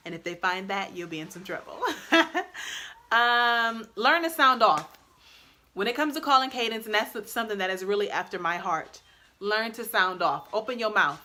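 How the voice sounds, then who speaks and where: A young adult woman who served in the army, chatting expressively and laughing often as she gives casual advice on her vlog. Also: mid-range voice. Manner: chatty and expressive, laughs often, loud and bold when excited. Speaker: vlogger and army soldier.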